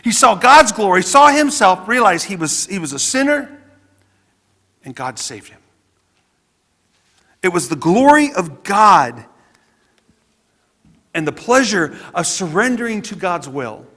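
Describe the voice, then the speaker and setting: Earnest high-voiced man preaching in a hall. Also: big pitch swings, measured pace, long pauses, fairly bright tone. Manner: earnest, conversational preaching with frequent restarts. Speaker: pastor. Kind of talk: sermon. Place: church sanctuary.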